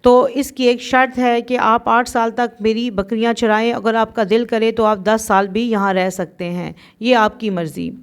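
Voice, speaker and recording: Woman host narrating a sacred tale, flat even delivery, halting with fillers. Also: fairly high pitch, smooth. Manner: hesitant, many drawn-out fillers. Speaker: storyteller and channel host. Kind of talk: religious storytelling for a video.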